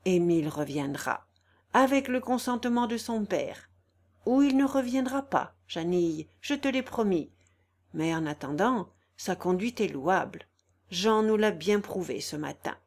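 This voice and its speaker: A woman voicing a gentle, melancholy older male aristocrat who speaks low and softly in a storybook reading. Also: lively intonation, measured pace. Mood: earnest.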